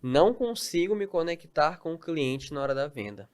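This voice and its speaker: A man's voice: a little high, expressive, moderate pace, clean tone. A man hosting a podcast, asking questions and giving short approving remarks. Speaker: podcast host. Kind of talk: interview questions.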